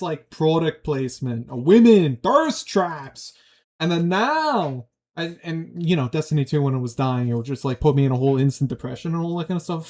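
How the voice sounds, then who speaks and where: This young New Yorker from Long Island rambles through a laid-back livestream, responding to chat with lively slang. His voice runs on the high side.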